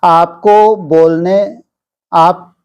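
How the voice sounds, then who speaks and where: Slow, mellow-voiced man giving spiritual counsel. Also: sits high, fairly even intonation. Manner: unhurried, with rhetorical questions and prompting hums; pauses often to clear the throat. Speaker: spiritual teacher. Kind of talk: spiritual discourse to a gathering.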